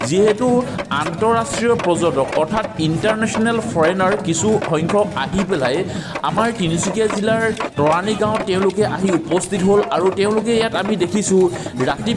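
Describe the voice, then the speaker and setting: A man's voice: high voice, heavy background noise. A man hosting a vlog, interviewing guests on the spot at an outdoor village festival at night. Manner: rapid, excited, repeats "yeah, yeah". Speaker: vlogger host. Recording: loud crowd and music at an outdoor festival.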